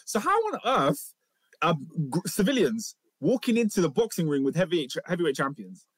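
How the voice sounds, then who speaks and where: A man with a London accent gives opinionated, casual banter, hammering points by repeating them. The voice is somewhat high, recorded close and dry. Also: big pitch swings, a little fast, no echo. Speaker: podcast co-host, football fan.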